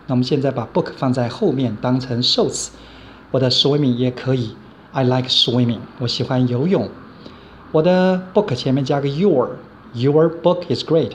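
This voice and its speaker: A male teacher walks through grammar examples in a steady, mid-pitched voice. He repeats each example and spells out the letters. A faint hiss of noise sits under the recording. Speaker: English teacher. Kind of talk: grammar lecture.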